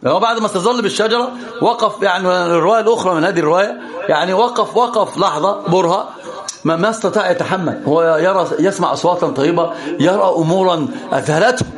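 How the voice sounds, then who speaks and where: A man giving a religious lesson to students, animated and teasing as he teaches. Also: high voice, fast talker. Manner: animated, teasing, often laughing.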